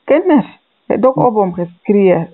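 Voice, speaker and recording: Slow-paced Namibian woman interviewer, phone-like sound. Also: medium pitch, lively intonation, no room sound. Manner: switches between Afrikaans and English. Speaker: interviewer, journalist. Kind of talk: conversational radio interview. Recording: tinny, narrow phone-like line.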